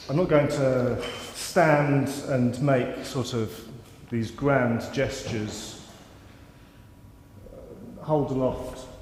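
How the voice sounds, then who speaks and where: A man gives a live lecture in a wry, self-mocking way, wandering off into asides. His voice sits at a middle pitch. The hall adds a long, roomy reverb with faint ambience behind. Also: a little mellow, a little hiss or hum.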